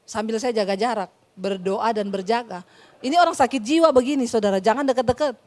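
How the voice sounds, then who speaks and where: A woman pastor preaches with a high, bright-sounding voice. She moves between teaching and lively, humorous storytelling, speaking straight to her listeners. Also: a little fast. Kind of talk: sermon.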